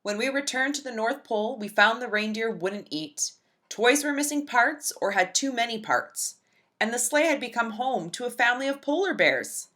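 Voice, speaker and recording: Here a woman with a slightly high voice reads from a children's picture book at a normal speed, delivering it with expressive, emphatic storytelling.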